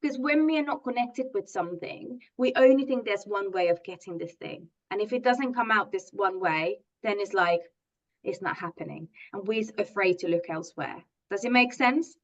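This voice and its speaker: A woman's voice: mid-range voice, moderate pace, lo-fi sound. A middle-aged woman from Finland, a native Finnish speaker, giving an online coaching masterclass in an earnest, enthusiastic way, with many fillers and restarts. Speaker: positive psychology coach.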